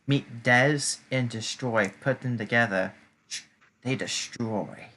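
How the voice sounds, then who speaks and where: Man, podcast host, bright forceful voice, eager and animated. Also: medium pitch, slow. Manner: eager, animated recounting of jokes. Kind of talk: casual chat.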